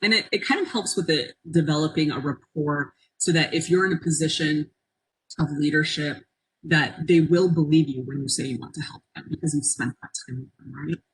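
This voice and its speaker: A woman's voice: deep voice, a little fast, a little hiss or hum, low-quality recording. A woman presenting an interactive webinar in an encouraging, reflective manner, inviting people to take part. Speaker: workshop presenter. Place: online conference call.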